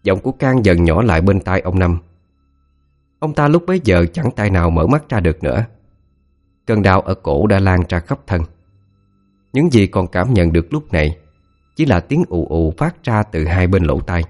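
A deep-voiced man narrates a scripted ghost story. His pitch moves in wide sweeps as he tells it, with faint music playing underneath. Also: moderate pace, pauses often. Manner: dramatic, expressive storytelling.

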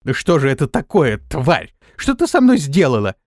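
A man's voice: a little high, huge pitch swings, normal speed, no room sound, clean studio sound. Man doing a hot-tempered young trainee. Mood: indignant. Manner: indignant, shouting outbursts.

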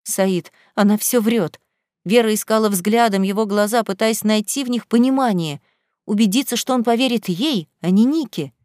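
A woman narrating an audiobook in a steady, dramatic storytelling voice. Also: a little high, fairly quick, dry recording, clean studio sound.

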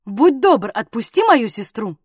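A woman reading an audiobook voices a proper gentleman who speaks stiffly and indignantly. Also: on the high side, sing-song, measured pace, breathy edge, no echo, clean studio sound, heavily acted.

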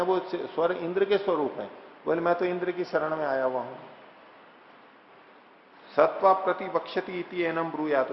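A man teaching scripture, reciting verses slowly and then explaining them plainly with rhetorical questions. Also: a little high, slight background noise. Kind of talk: scripture lecture. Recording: echoey hall, dull lo-fi sound.

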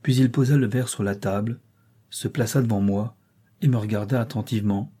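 A man narrating a classic novel as an audiobook, in a measured, even storytelling manner. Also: lowish voice, breathy edge.

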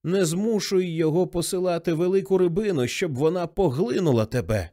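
A man voicing a frail, dying old mother, hoarse and pleading. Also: high-pitched, fairly quick, mellow, voice pushed up. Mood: fervent. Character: dying old woman after a stroke, pleading.

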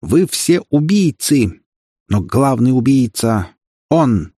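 A man voicing a grief-stricken mother who screams accusations in a shrill, squealing voice. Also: very animated, unhurried, darkish tone, husky, dry recording, studio quality. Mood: accusing. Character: grieving mother, shrieking accusations, middle-aged.

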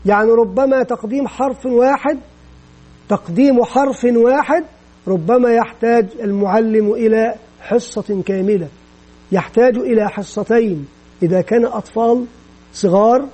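A man lectures on teaching methods in a steady, explanatory manner, often repeating a phrase for emphasis. His voice sits very high yet sounds dark and mellow. There is a husky, breathy edge to it. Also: low-quality recording. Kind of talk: educational lecture.

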